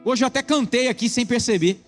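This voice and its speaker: A man with a Brazilian Portuguese accent preaching a sermon with a personal testimony, earnest, moving between quick bursts and slow emphasis. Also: very high-pitched, faint music behind. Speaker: pastor. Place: church hall. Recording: echoey church hall.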